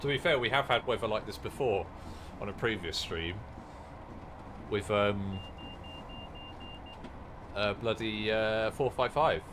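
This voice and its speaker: A man's voice: fairly low pitch, unhurried, pauses often, noisy background. A man casually commenting on a train game live to viewers, chatty, swearing and poking fun at himself. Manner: chatty, swears, self-mocking, talks to viewers. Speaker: game streamer.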